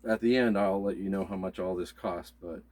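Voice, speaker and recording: A man with a low, husky voice talks through supplies in a relaxed, casual chat. He explains each item step by step in an easygoing manner. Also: brisk. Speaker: co-host of a prepping channel.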